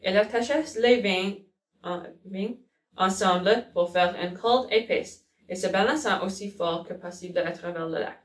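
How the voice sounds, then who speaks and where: Woman reading a children's story. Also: mid-range voice. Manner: slow careful reading with self-corrections. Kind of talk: children's storybook read-aloud. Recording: roomy, from a distance.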